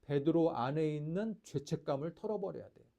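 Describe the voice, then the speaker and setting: A male pastor delivering a sermon in a fairly high, very animated voice that rises and falls widely. His tone is dark and mellow, and he keeps asking the congregation rhetorical questions, dropping at times almost to a whisper before swelling again. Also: fairly quick, vocal fry. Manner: preaching with rhetorical questions and acted quotes; swings between loud declarations and near-whispered lines.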